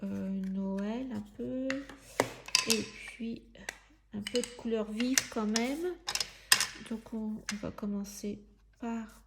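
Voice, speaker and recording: A woman giving a casual step-by-step craft demonstration, thinking aloud in halting, searching phrases as she works. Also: on the high side, vocal fry, heavy background noise. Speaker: craft tutorial presenter.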